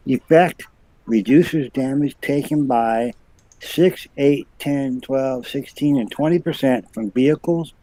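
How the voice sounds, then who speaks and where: A man's voice: medium pitch, mellow, no echo, low-quality recording. A man co-hosting a live show, reading game item stats aloud in a methodical, list-like way.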